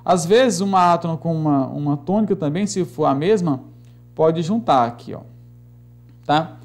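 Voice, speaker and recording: A man's voice: on the high side, a little mellow. Man teaching poetic meter. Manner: explains patiently, counts syllables slowly aloud, frequent "né" and "tá". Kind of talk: recorded grammar and literature lesson.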